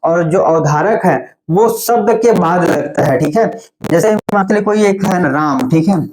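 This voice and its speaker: Man, online teacher, grammar lesson, step-by-step explaining, frequent check-ins, slows to list terms. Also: sits high, a little mellow.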